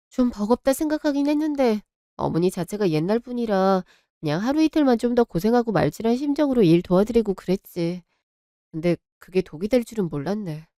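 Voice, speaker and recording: A woman's voice: fairly high pitch, dark tone, dry recording, clean studio sound. A woman voicing a young wife with cancer in a radio drama, restrained and reproachful. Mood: weary. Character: young wife with cancer, hurt but composed.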